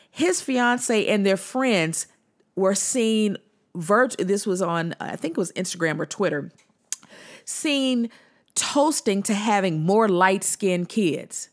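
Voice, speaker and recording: A woman, a body liberation coach, giving earnest commentary to the camera, often repeating and restarting words for emphasis. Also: mid-range voice.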